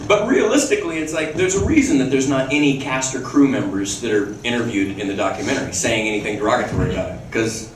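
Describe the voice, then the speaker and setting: A man of medium pitch rattles off casual stories at a fan Q&A where he's a guest actor, talking fast with barely a pause. Profane and laughing, he keeps restarting sentences, heard from a distance in an echoey hall with ambience and slight background noise.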